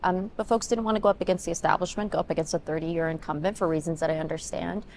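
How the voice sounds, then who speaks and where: A woman's voice: fairly low pitch, steady tone, quick pace, a little mellow, slight background noise. A woman in her twenties, raised in Denver, answering interview questions as a congressional candidate, earnest, with many ums. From Ethiopia, raised in Denver. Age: 20s. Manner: earnest, talks in long run-on points with many ums.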